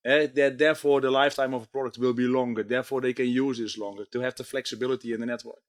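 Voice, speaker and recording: A man's voice: medium pitch, steady tone, racing. A man being interviewed at a trade show who speaks earnestly, with many fillers, his voice strained from a day of talking. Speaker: company technology chief. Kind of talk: conversational interview.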